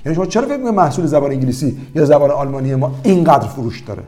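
A man teaching languages, talking in an animated, storytelling way to his viewers. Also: fairly high pitch. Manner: animated, lively storytelling with quoted voices. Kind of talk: promotional language-learning talk.

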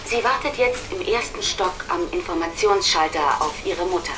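A woman playing a brisk speaker who delivers scripted practical messages in short, direct sentences. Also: fairly low pitch, expressive, background noise, close to an everyday voice. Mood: composed, informative.

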